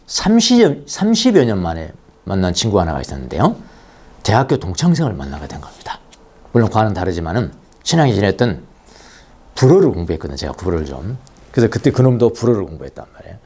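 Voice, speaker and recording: Lively storytelling Korean pastor, a man. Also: on the low side, fast, breathy edge. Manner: lively storytelling preacher, repeats key phrases, chuckles. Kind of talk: sermon. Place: church sanctuary.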